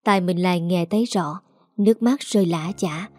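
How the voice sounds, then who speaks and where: A woman narrating a story in a steady, expressive way. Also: fairly low pitch, moderate pace, no echo, studio quality, faint music behind.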